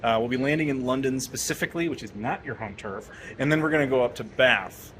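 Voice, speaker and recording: A man's voice: mid-range voice, fast talker, fairly bright tone. A man hosting a travel vlog, chatting casually and joking about himself while he walks through an airport and a supermarket. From United States. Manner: joking, chatty, self-mocking. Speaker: travel vlogger host. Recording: noisy on-location audio.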